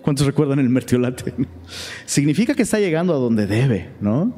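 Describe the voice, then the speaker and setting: A man's voice: mid-range voice, very animated, normal speed, warm tone, big-room sound. A man with a Mexican accent teaching a Bible study in a chatty, conversational way, often checking in with rhetorical questions.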